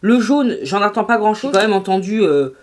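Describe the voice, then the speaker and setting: A woman with a French accent, chatting casually through a makeup review, animated and quick to laugh. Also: mid-range voice. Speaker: beauty vlogger.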